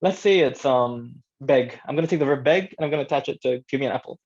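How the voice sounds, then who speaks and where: Fast and mid-range, with a darkish tone and a breathy edge, a man who directs audio drama gives a casual workshop talk. He reasons aloud and checks in with the people listening, recorded in flat, lo-fi, band-limited sound.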